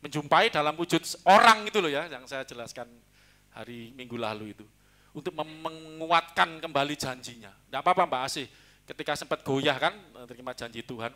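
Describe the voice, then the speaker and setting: A man preaching a sermon as pastor, talking in a lively, joking way. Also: fairly high pitch, fairly quick. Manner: lively, joking, mixes in Javanese.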